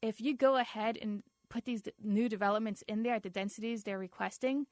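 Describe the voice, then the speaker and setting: A woman's voice: on the high side, steady tone, a little fast, no room sound. A woman answering interview questions as a community advocate, conversational, plainspoken and firm. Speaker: community group vice chair being interviewed.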